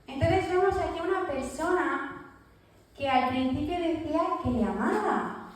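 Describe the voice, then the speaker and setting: A woman's voice: sits high, lively intonation, a little slow. A woman preaching a sermon, emphatic, repeating key phrases and asking listeners to imagine along with her. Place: church. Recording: echoey church hall, mic at a distance.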